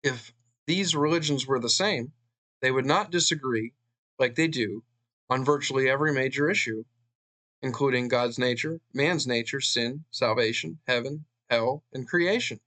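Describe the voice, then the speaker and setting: A man's voice: mid-range voice, pushed and bright. Earnest man reading a book aloud. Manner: earnest, pauses with fillers between read passages. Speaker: channel host reading a book.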